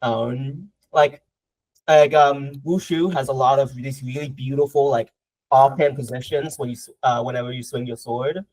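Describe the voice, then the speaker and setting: A man's voice: mid-range voice, fairly even intonation, moderate pace, a little mellow, no room sound, poor audio. A young man from Southern Vietnam, answering interview questions casually, with a lot of hesitation, fillers and restarts. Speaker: guest martial artist.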